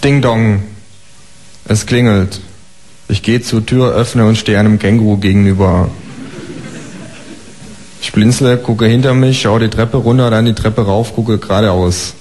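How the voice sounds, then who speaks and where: Deadpan man reading comic stories. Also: lowish voice, unhurried, long pauses. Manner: deadpan, dry first-person narration. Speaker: author reading.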